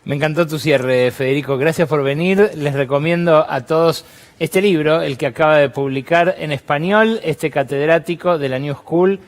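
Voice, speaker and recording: A man's voice: a little high, normal speed. A man with a Rioplatense accent hosting an interview show, asking questions conversationally and thanking his guest. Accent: Rioplatense Spanish. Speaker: host.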